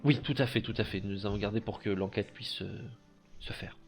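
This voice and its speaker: A man's voice: lowish voice, fairly quick, gravelly, soft background music. A man playing a deferential servant in a tabletop game, polite and hesitant in his speech. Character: deferential male servant guiding visitors through rich district. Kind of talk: tabletop role-play.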